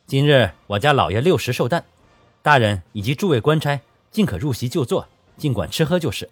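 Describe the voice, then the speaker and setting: A man's voice: mid-range voice, expressive, a little fast, husky, no room sound, faint music behind, pitched above the performer's own voice. A man playing a haughty household steward. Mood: smoothly warning. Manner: polite but veiled threats, then enraged. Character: proud middle-aged male steward of a rich house.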